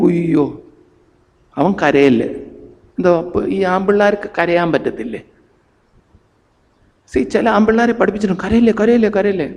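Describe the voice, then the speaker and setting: A man's voice: high-pitched, a little mellow. A middle-aged man preaching a sermon, telling stories and acting out family dialogue, mixing in English phrases. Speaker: pastor. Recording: long hall reverb.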